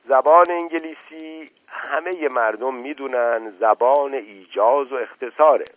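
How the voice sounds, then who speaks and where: A man voicing a glib, quick-witted middle-aged nobleman who talks smoothly and in a hurry, heard on a tinny, dry radio broadcast. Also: medium pitch, no room sound, natural voice. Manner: smooth, hurried talk.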